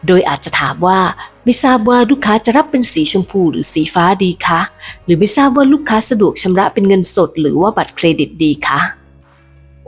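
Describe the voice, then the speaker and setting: Breathy Thai woman narrating a book summary. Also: fairly low pitch. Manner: polite and instructive, ends sentences with "ka". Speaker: podcast host.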